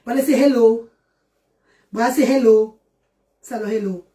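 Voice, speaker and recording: A middle-aged woman from Central Africa speaks to her stream viewers in a slightly high, steady, dark-toned voice at normal speed. Loving yet preachy, she keeps encouraging them, repeating her points again and again.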